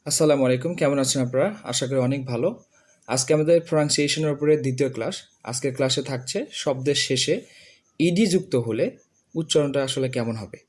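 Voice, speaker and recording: A man's voice: medium pitch, fairly quick. A man teaching an online English pronunciation lesson, repeating each word several times with many filler sounds.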